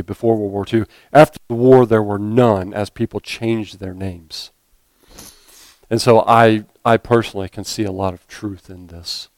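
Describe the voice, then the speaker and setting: Smooth-voiced man preaching a sermon. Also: fairly low pitch, darkish tone, dry recording. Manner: conversational, hesitant with frequent fillers and self-corrections. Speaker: pastor.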